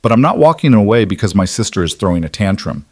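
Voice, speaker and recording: A man voicing a calm, firm, successful woman in an audiobook, speaking steadily. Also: on the low side, fast talker, breathy edge, no room sound, studio quality. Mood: steady. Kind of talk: scripted audiobook narration.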